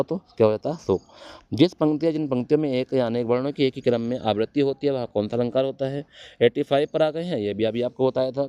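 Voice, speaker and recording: A man's voice: medium pitch, warm tone, no echo, muffled recording. A man teaching Hindi for exam prep, quizzing his students and answering his own questions.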